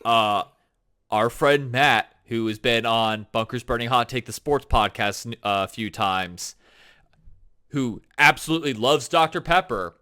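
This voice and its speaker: A man co-hosting a gaming podcast, talking in an excited, rambling way full of fillers. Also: mid-range voice, a little slow, smooth. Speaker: podcast co-host. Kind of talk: casual chat.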